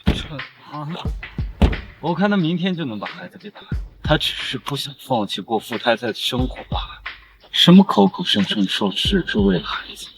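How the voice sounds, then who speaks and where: A man's voice: on the high side, very animated, moderate pace, gravelly, music in the background. An actor playing a blunt, protective young man who speaks indignantly. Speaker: lawyer's partner. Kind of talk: short drama acting.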